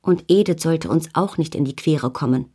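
A woman's voice: low voice, moderate pace, dark tone, slightly rough. A woman voicing a scheming, domineering man who leads a village, in an audiobook reading, menacing and mocking. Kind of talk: audiobook character voice.

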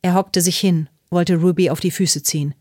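A female audiobook narrator reads a novel from a script, calm and measured in a fairly low voice. The recording is dry and studio quality.

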